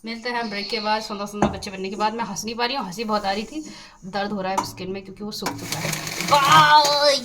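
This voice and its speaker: A woman's voice: medium pitch, fairly even intonation, rapid-fire, heavy background noise. A young woman chatting playfully to camera in a casual home vlog. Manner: playful, chatty, giggling through a drying face mask. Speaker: vlogger.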